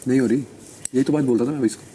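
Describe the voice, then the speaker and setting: A man's voice: mid-range voice, fairly even intonation, very fast, mellow. A man in casual chat who switches between Hindi and English, teasing and joking with the others. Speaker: reality show contestant. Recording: faint background noise.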